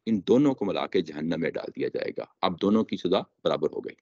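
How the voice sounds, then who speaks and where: A man's voice: sits low, expressive, brisk, darkish tone, no echo. A man explaining scripture in a religious lecture, reciting verses and repeating key phrases for emphasis. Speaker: Quran teacher. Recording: dull dry lo-fi lecture recording.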